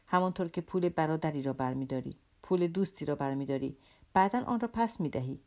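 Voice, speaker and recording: A woman's voice: deep voice, darkish tone. A woman voicing a kind, earnest young man in an audiobook, insistently reassuring his friend. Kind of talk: audiobook character reading.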